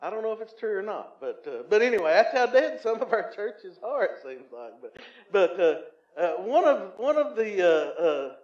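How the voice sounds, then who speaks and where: A male pastor preaching a sermon in a folksy, storytelling way, often restarting with fillers and swelling louder for emphasis. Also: high-pitched, sing-song, normal speed. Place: church sanctuary. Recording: roomy, slightly dull church recording.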